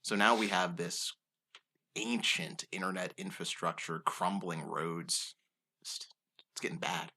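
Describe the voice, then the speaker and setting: A man's voice: sits low, measured pace, sharp tone. A young man co-hosting a podcast, chatting casually and explaining his opinions, often saying dude. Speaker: podcast co-host. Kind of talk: casual chat.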